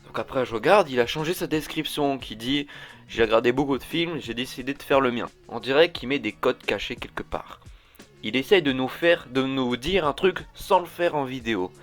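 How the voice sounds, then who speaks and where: A young man talks off the cuff in a vlog, rambling from one thought to the next. He gets excitable and swears freely, and faint music runs low beneath his voice. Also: normal speed. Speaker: YouTuber. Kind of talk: unscripted casual vlog talk.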